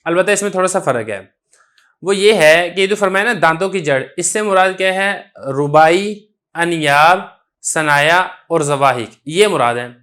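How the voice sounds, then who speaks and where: Male teacher, somewhat high voice, patient step-by-step religious lesson, answers his own questions. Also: a bit bright. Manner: sustains a drawn-out letter sound when demonstrating pronunciation. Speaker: Quran recitation teacher.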